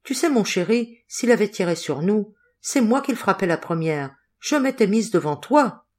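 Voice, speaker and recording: A woman reading the lines of a lively, devoted young woman in an audiobook, in an eager and expressive way. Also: mid-range voice, moderate pace, voice pushed up, lightly acted. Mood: shaken.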